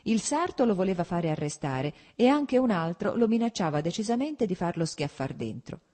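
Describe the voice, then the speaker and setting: A woman reading a classic novel aloud as scripted audiobook narration, at a measured, even pace. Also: on the low side. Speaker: audiobook reader.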